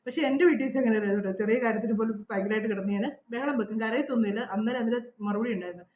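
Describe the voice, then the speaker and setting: A middle-aged woman confides her memories in a quick, chatty flow. Her voice sits a little high. The sound has a roomy echo from the spot outdoors where she records. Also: darkish tone. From Kerala, India. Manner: chatty and confiding, frequent "kettō" tags. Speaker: vlogger. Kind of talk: casual personal storytelling. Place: outdoors at her old house.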